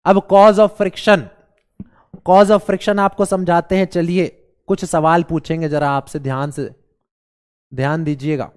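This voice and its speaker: सर्दी से बैठे गले और खांसी वाला एक पुरुष शिक्षक, बिहारी लहजे में ऑनलाइन क्लास लेता है, बच्चों को मज़ाकिया ढंग से मनाता और सवाल बार-बार दोहराता है।. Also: male voice, high-pitched, fairly even intonation, slow, clear, resonant tone. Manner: playful, coaxing, repeats questions to the class. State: hoarse with a cold, coughing. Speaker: teacher. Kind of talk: live online class.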